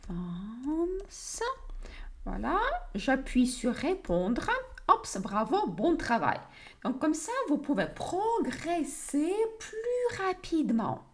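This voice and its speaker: Woman teacher, French accent, slow and deliberate, lively rising and falling pitch, repeats words, livestream lesson.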